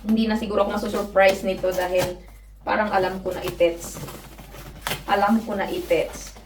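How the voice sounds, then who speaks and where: Filipina vlogger, giggly home chat, off-mic in an echoey, noisy room. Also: female voice, mid-range voice, fairly even intonation, normal speed, recorded from a distance. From Philippines. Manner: chatty, giggly, often says "mga my guys". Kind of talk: casual vlog chat. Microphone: phone camera. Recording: roomy echo, off-mic, noisy.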